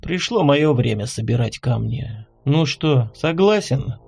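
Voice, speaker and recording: A man voicing a calm, sly female contract killer who mocks her captive. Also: medium pitch, unhurried, gravelly, slightly rough, exaggerated voice.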